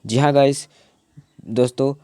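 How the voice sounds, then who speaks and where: A young man teaching grammar from his notes, often repeating words and restarting, and slowing down to spell out word parts. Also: mid-range voice, fairly even intonation, warm tone, smooth, no echo. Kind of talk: explaining from notes to camera.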